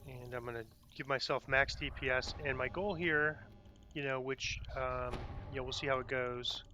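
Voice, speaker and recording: A man's voice: medium pitch, steady tone, normal speed, background noise. A man giving casual gameplay commentary, thinking aloud in a self-deprecating way. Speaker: gamer narrating own gameplay.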